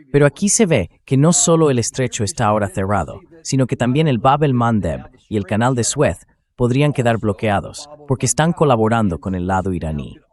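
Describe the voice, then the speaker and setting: With a fairly low pitch and darkish tone, a synthetic AI translation voice of a man serves as host commentator for chatty news commentary.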